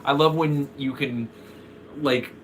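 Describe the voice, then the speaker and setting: A man's voice: mid-range voice, steady tone, slow pace. Rambling, jokey male streamer. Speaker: streamer host. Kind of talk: casual chat.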